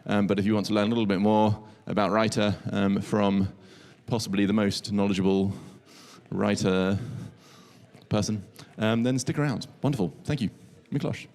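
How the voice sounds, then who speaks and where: A man hosts a conference session with a fairly low voice. He announces what comes next informally, breaking his sentences into short, hesitant phrases. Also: steady tone, moderate pace, a little mellow. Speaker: session host introducing speakers.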